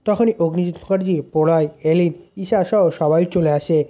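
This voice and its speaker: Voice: medium pitch, normal speed, dark tone. A narrator plainly retelling a serial's episode as a story. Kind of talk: storytelling recap. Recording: dull lo-fi sound.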